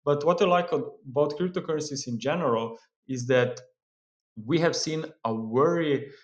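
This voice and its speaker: A man giving a market analysis commentary in a steady, explanatory way, often pausing with "uh" and "um". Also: on the high side, muffled recording. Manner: steady explanatory delivery with frequent "uh" and "um" fillers. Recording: roomy echo.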